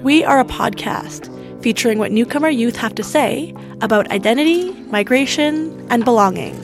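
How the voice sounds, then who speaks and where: Young woman, podcast host, scripted intro, fairly high voice, music behind her. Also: lively intonation, normal speed.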